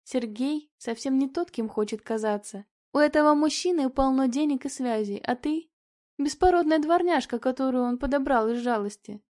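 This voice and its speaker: A woman's voice: high-pitched, moderate pace, a little mellow, lightly acted. A woman voicing a jealous, hissing rival, Marina. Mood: scornful. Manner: sneering, threatening.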